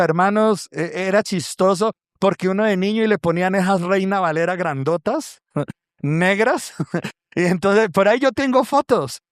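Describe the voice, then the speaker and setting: Pastor guy preaching, kinda high voice, tells stories and does the voices, dry close sound. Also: smooth, no echo. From Colombia. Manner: animated storytelling with acted quotes, addresses congregation as brothers. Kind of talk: sermon. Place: church.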